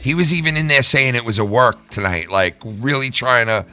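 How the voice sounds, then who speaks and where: A man's voice: medium pitch, expressive, normal speed, pushed and bright. A man hosting a live show in casual livestream talk, profane, rambling and emphatic.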